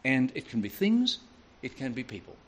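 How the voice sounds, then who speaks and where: An older man preaching a sermon, telling a family story with a lively, varied delivery. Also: medium pitch, moderate pace, husky.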